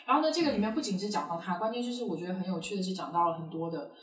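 Roomy and away from the mic, a woman talks quickly at a middle pitch. She hosts a podcast in a casual, conversational style. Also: recorded from a distance. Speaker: podcast host.

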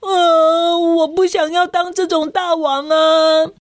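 A woman's voice: flat delivery, takes it slowly. A woman playing a flustered forgetful schoolboy. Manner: whiny, high-pitched exclamations.

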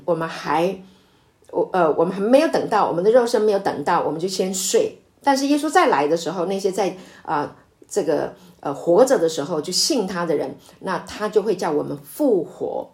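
A woman's voice: fairly low pitch, a little mellow. Woman pastor teaching, full of fillers. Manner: frequent drawn-out fillers and hesitations; emphatic, rising to exclaim at key points. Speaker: pastor leading Bible study. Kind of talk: conversational Bible study teaching.

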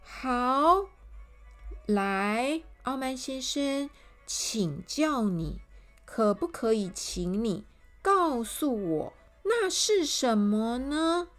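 An exceedingly polite, cheerful gentleman, voiced by a woman reading a children's story, who speaks in a high, sweet, gushing tone. Every line is courteous and eager to please. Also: very animated, very slow, faint music behind, exaggerated voice. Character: overly polite, cheerful birthday-host gentleman.

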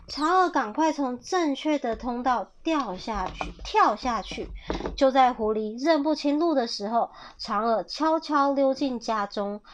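A woman reading a children's story aloud, animated and pausing to ask her listeners questions. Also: high voice, a little hiss or hum. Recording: dull lo-fi audio.

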